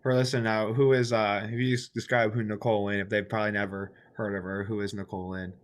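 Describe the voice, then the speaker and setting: Guy co-hosting a podcast, kinda halting, lots of uhs, lowish voice. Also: level tone. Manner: hesitant, halting with fillers. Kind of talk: casual interview chat.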